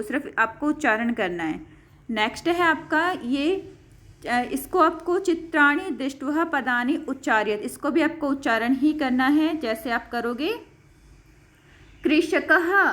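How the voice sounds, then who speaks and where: A young woman teaches a class of children in a patient, repetitive way, saying each word slowly and calling the students "beta". Her voice sits high and carries clearly. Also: a bit bright. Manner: patient, repeats words and calls students beta. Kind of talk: Sanskrit lesson for children.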